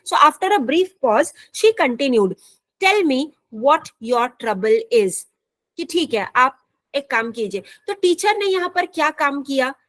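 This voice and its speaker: A woman teacher explaining an English lesson in Hindi, patient and repetitive, slowing down for English phrases read with an Indian accent. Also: high voice, fairly bright tone, dry recording. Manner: patient, repeats and rephrases often; slows down sharply to read English lines.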